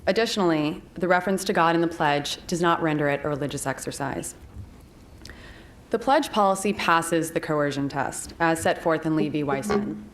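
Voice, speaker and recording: A woman's voice: low-pitched, normal speed, a little hiss or hum. A young woman giving a formal, prepared oral argument as a courtroom advocate. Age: young adult.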